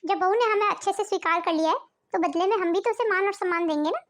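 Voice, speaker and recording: Cartoon: woman playing a patient, wise mother-in-law, very high voice. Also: fast talker, fairly bright tone. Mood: reasoning. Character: fair-minded older mother-in-law, gentle and wise.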